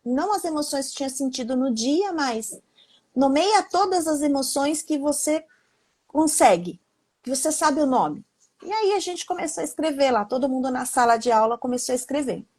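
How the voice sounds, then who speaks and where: A woman's voice: high voice, lively intonation, moderate pace, a little mellow. A woman speaking as a guest in a casual live conversation, explaining with frequent restarts and acted-out little quotes.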